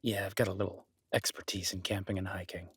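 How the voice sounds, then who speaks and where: A protective, gruff-kind woodsman host who gently teases comes through in a man's low, husky character voice in this intimate one-sided audio drama roleplay. The mood is warm and easygoing, the manner soft-spoken, unhurried, reassuring and wryly joking, the tone level, and there's no room sound.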